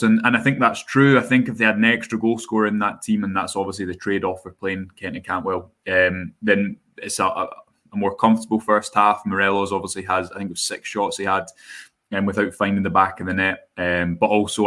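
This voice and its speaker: A man analyzing football casually as a journalist, measured and hesitant with fillers. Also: fairly low pitch, fairly bright tone.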